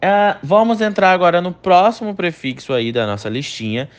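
This high-pitched man is a native Portuguese speaker teaching English online. He's lively, drilling each English word slowly so the learner can repeat it.

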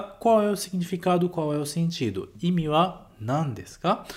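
A man teaching an online language lesson. He checks in often with quick tag questions and repeats example phrases slowly. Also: on the high side. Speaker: Japanese teacher.

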